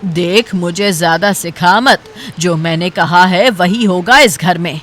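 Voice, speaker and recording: A woman's voice: fairly low pitch, measured pace, fairly bright tone, slight background noise. A woman voicing a harsh, scornful older mother-in-law in a cartoon story. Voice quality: cutting, contemptuous. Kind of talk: cartoon voice acting.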